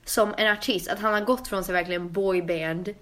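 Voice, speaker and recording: A woman's voice: medium pitch, fairly even intonation, fairly bright tone. A young woman co-hosts a casual podcast chat. She tells her stories with animation, dropping English phrases and the odd swear word along the way. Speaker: podcast co-host.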